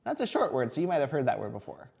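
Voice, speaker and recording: Expressive man reading to young children. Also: mid-range voice, very fast, gravelly. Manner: asks the listening children simple questions. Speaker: kindergarten reading teacher. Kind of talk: animated picture-book read-aloud for young children.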